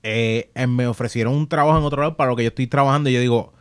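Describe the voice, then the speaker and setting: A young man hosting a podcast in casual chat, telling stories with lively, slangy speech and easy swearing. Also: mid-range voice, racing, clear, resonant tone, no echo, clean studio sound. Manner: animated storyteller, slangy and swearing freely. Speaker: podcast host.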